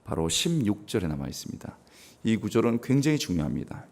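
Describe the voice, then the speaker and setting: A middle-aged man delivering a revival sermon in a low, deep voice. His pitch leaps and falls widely as he preaches, breaking into sudden raised exclamations and clearing his throat now and then. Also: very animated, fairly quick, darkish tone. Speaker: guest pastor.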